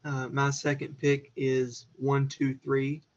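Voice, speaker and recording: A man speaking as a podcast guest in a casual film chat, relaxed and measured, pausing between phrases. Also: medium pitch. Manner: relaxed, measured, with pauses and fillers. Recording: dull lo-fi sound.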